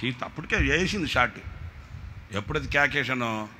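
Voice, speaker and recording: Forceful, animated man preaching. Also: mid-range voice, a little fast, slight background noise. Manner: animated, bursts into shouting when acting out quotes. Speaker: pastor. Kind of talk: sermon with storytelling. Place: church service.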